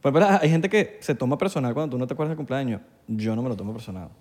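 A man from Venezuela with a Venezuelan Spanish accent, joking in slangy, animated casual chat. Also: mid-range voice, racing.

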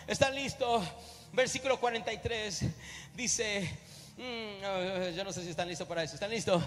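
A man's voice: sits high, steady tone, moderate pace, fairly bright tone. A man preaching a fervent sermon as a pastor and urging his congregation on. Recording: reverberant hall with faint music.

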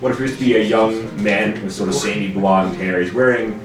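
Casual game master narrating, echoey. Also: male voice, fairly low pitch, brisk, distant mic, music in the background. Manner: casual, filler-heavy narration. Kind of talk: narrating a tabletop game over voice chat.

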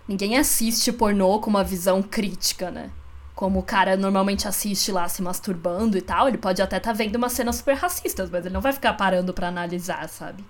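A woman's voice: medium pitch, fairly quick. A young woman co-hosting a podcast, talking casually and often adding tag questions. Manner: conversational, frequent tag questions. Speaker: podcast co-host.

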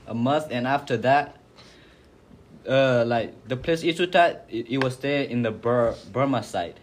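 A young man telling a family story in casual talk, halting and repeating himself. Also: medium pitch, expressive, slight background noise. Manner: halting, repeats words, plain speech. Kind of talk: casual classroom discussion.

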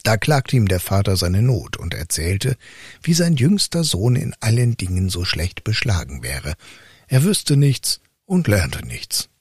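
A man reading a fairy tale aloud with lively, expressive narration for an online listening room. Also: lowish voice, a little slow, breathy edge, no room sound, studio quality. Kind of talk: storybook reading.

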